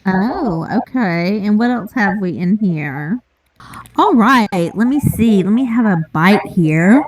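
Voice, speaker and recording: A woman's voice: mid-range voice, animated, takes it slowly. A woman co-hosting a casual chat, playful and chatty as she tastes snacks. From USA. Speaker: co-host. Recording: dull lo-fi audio.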